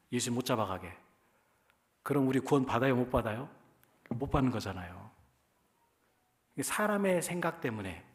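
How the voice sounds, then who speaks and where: A male pastor from the Jeolla region of Korea with a Jeolla accent, preaching a sermon in a conversational way and often putting questions to the congregation. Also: mid-range voice. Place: church.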